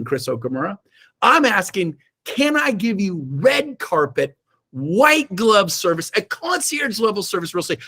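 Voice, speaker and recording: Speaking from his own room over a Zoom call, a high-voiced, fired-up middle-aged real estate team leader delivers a motivational coaching talk. He is emphatic, swinging between shouts and low asides, and the audio carries a video-call quality.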